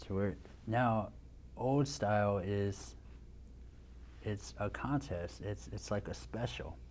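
A dance instructor from Nebraska in his thirties speaks as a guest in casual interview talk, using a lapel mic on a studio set. His very low, mellow voice moves at a slow pace while he rambles, restarting sentences and leaning on "you know." A faint hiss sits behind him.

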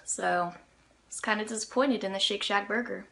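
A woman's voice: mid-range voice, normal speed, creaky. A young adult woman hosting a food review, talking casually to camera with lots of "you know" and "like". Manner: chatty, with fillers like "you know" and "like".

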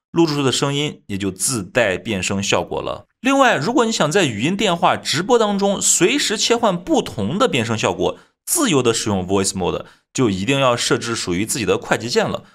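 A man narrating a scripted software tutorial as its host, explaining things step by step. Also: medium pitch.

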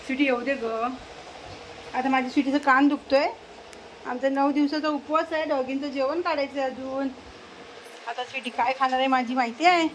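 A high-pitched woman, talking to her animals in sing-song baby talk, coaxing them and scolding them fondly. A faint hiss of background noise sits under her voice, with dogs heard now and then. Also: fairly even intonation, moderate pace, long pauses. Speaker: vlogger feeding pets and strays.

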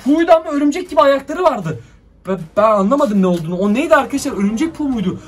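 A young YouTuber's very high, slightly rough voice comes rapid-fire and expressive from a distant, off-mic position in an excited horror-drone vlog. Frightened and jittery, he tells viewers about something strange he spots and mutters commands to the drone, light music underneath.

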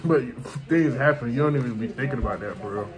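Quick, mumbling young man. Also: medium pitch. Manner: quick, mumbled, laid-back replies. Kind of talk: casual family chat.

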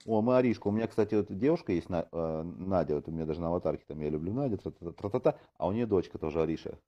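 A man's voice: low voice, lively intonation, rapid-fire, lo-fi sound. A man recruiting online hosts in a casual chat, rambling with lots of fillers and joking asides.

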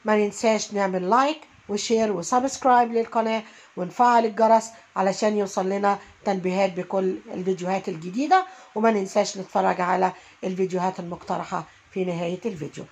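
An Egyptian woman teaching an online English lesson, repeating each English phrase slowly and then translating it. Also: medium pitch, steady tone. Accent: Egyptian Arabic.

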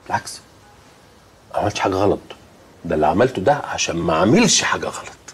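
Middle-aged Egyptian comedy dad, husky, doting, wheedling and evasive. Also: male voice, deep voice, big pitch swings, rapid-fire, exaggerated voice. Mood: nervous, evasive. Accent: Egyptian Arabic. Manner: coaxing, evasive, stalling. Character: sheepish, wheedling doting father afraid of his daughter. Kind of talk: TV comedy acting.

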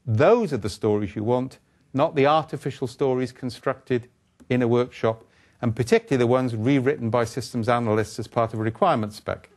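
An older man giving a conference keynote lecture, brisk, wry and blunt, throwing in asides and rhetorical questions. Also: medium pitch. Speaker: keynote speaker. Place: conference stage, indoors.

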